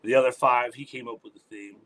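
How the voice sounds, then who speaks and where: A guest musician with a deep voice chats casually in an interview, speaking quickly in a steady, slightly bright tone on a rough recording. He's laid-back, swears a lot and trails off into fillers.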